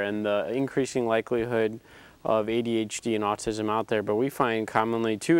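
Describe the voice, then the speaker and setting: Smooth-voiced male chiropractor on a talk show. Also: medium pitch, no echo.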